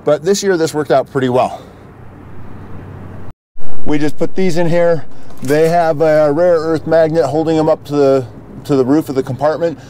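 Mellow-voiced man explaining, some background noise. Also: on the high side, steady tone, normal speed, long pauses, poor audio. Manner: matter-of-fact explaining. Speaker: RV owner and vlog host. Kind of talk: casual walkthrough narration.

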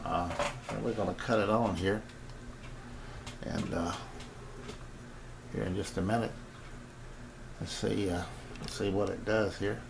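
A middle-aged or older man with a lowish, steady, creaky voice rambles through an unscripted review of his amateur radio gear, pausing often and at length. He's in a small radio room at home, and the camera audio is noisy.

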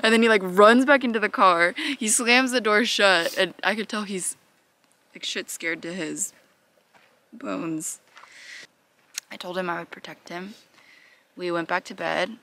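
A woman's voice: medium pitch, a little slow, pauses often, bright, forceful tone. Chatty young woman vlogging at camp. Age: young adult. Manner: chatty, storytelling, playful asides to viewers. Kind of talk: casual vlog chat to camera. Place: campsite outdoors and inside a car. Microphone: camera held at arm's length.

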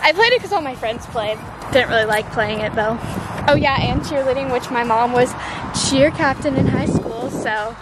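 A woman's voice: high-pitched, moderate pace. A young woman chatting casually to a handheld camera in a playful, teasing way as she vlogs. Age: young adult. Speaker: vlogger. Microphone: camera at arm's length. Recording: noisy outdoor handheld camera, background ambience.

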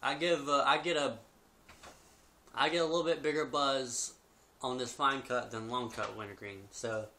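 A man's voice: medium pitch, steady tone, moderate pace, pushed and bright. A man in his twenties giving a blunt, sweary, casual review to camera in a living room, talking with a lip full of dip. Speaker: product reviewer. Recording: noisy home webcam recording.

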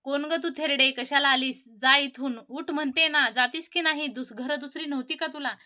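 A woman voicing a haughty, shouting queen. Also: sits high, fairly even intonation, moderate pace. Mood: contemptuous. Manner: shouting, contemptuous.

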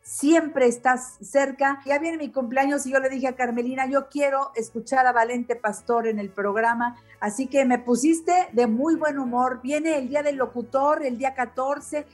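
A woman's voice: high-pitched, fairly even intonation, normal speed, hardly any pauses, soft background music. A woman with a Mexican accent hosting a radio interview, effusive and affectionate, full of exclamations. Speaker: radio show host.

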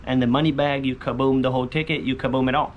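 A man's voice: mid-range voice, fairly even intonation, quick pace, narrow, tinny audio. A man in his thirties chatting casually to viewers outdoors, slangy and repetitive, muttering hopefully to himself. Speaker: vlogger scratching lottery tickets. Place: outdoors on a covered poolside patio. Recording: outdoor ambient noise.

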